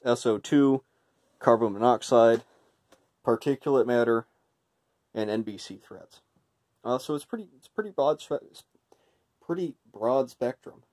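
A man's voice: medium pitch, animated, normal speed, pauses often, darkish tone. A man giving a casual, unscripted hands-on product review, thinking aloud in a hesitant way. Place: indoor room with tiled floor.

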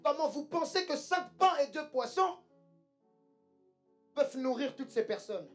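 A woman's voice: high-pitched, expressive, unhurried, faint music behind. A woman preaching a sermon with emphasis, repeating lines and calling the congregation to say them back. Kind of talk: church sermon.

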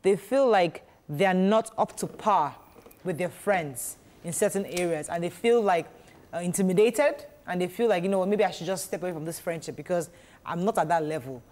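A middle-aged woman hosts a studio talk panel, animated and quick to act out the voices she quotes. Her delivery is casual and conversational, picked up on a lapel mic in a TV studio. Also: fairly low pitch. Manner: animated, gestures while talking, acts out quoted voices. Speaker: talk show host. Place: TV studio set.

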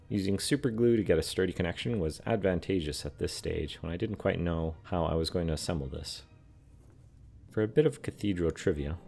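A scale model and terrain builder narrates a build in a deep, gravelly voice, calm, explanatory and matter-of-fact. It's scripted voice-over narration with soft background music.

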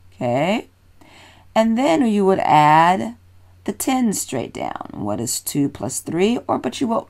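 A woman's voice: deep voice, gravelly. A woman teacher patiently explaining a children's math lesson, encouraging and repeating steps.

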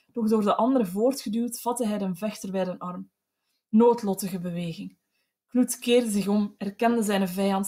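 A woman narrating an audiobook of classic literature in a steady, measured storytelling voice. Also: medium pitch.

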